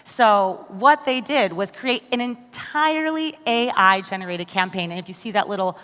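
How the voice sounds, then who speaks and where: This American woman's keynote is lively in intonation, delivered at a normal speed in a mid-range, fairly bright voice. She asks the audience questions head-on with real enthusiasm, and the large hall gives the audio a long reverb.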